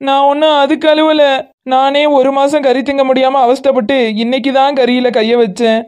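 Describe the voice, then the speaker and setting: Woman doing a grumpy greedy village auntie, high voice, kanyakumari accent, super dramatic. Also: level tone, moderate pace, darkish tone, close to an everyday voice. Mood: wailing. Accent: Kanyakumari Tamil. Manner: complaining, dramatic wailing. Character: greedy, grumbling village aunt. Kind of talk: cartoon voice acting.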